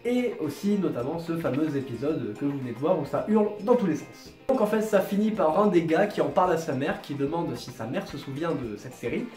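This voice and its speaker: A man's voice: fairly high pitch, lively intonation, a little fast, few pauses, darkish tone, faint music behind. A man hosting a comedic video commentary, joking, mocking and self-deprecating. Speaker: YouTube host. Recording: roomy echo, no proper mic.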